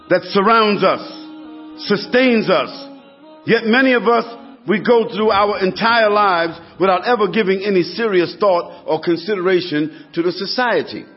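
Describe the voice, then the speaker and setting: A man preaching a sermon to a congregation, building his points through emphatic repetition. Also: high voice. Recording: dull lo-fi recording with faint music.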